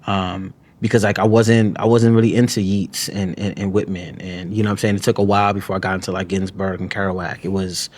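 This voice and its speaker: A man's voice: deep voice, level tone, a little mellow. A man from New York, a guest author and poet, talking reflectively in an interview with frequent restarts and filler phrases. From New York, USA. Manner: halting, frequent restarts, peppered with "you know what I'm saying".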